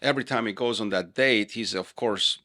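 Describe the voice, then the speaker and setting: A man from Serbia, co-hosting a casual podcast chat in an animated, emphatic way, often repeating words when worked up. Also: lowish voice, a little fast. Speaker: podcast co-host.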